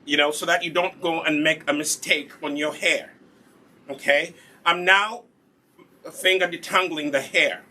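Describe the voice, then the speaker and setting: This host, a Ugandan man who sells and demonstrates natural hair products, runs a relaxed live hair care demo with a Ugandan accent. He sounds a little high and bright, keeping a steady, forceful tone at a measured pace while instructing and going back over the main points.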